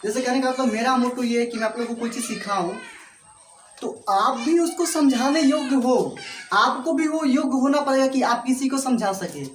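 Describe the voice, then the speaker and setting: A man's voice: extremely high pitch, moderate pace, slight background noise. Man teaching English in an echoey classroom. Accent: Indian English. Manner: repetitive, checks understanding often.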